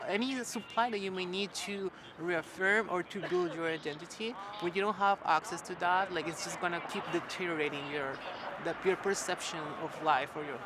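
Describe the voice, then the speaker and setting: A young woman from Colombia, speaking in a documentary interview as a community worker, reflective and searching for words with many fillers. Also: lowish voice. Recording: street noise behind voice.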